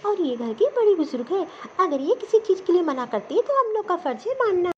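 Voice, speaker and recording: A woman voicing a calm, dutiful elder daughter-in-law in a cartoon story, soothing and obedient. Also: extremely high pitch, a little fast, highs cut off, a little hiss or hum.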